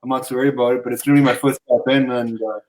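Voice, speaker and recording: A man talks fast and cocky about his plans as an arm wrestler. His tone is boastful and self-assured throughout the casual chat. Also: mid-range voice, fairly even intonation, darkish tone, poor audio.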